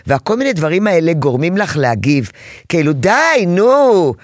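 Lively woman parenting coach, dry sound. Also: low voice, no echo. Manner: animated, acts out parent and child voices. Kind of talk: advice talk to a parent.

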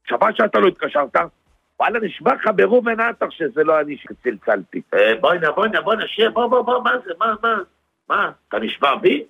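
A man's voice: high voice, very animated, creaky, husky, no room sound, dull audio. A man performing a comic phone sketch on the radio, swerving animatedly between voices. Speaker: radio comedian.

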